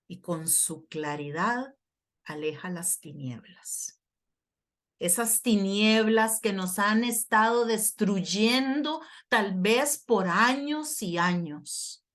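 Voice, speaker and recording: Woman, sermon, unhurried delivery, earnest, reads scripture aloud. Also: mid-range voice, fairly bright tone. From Costa Rica. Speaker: prayer workshop teacher.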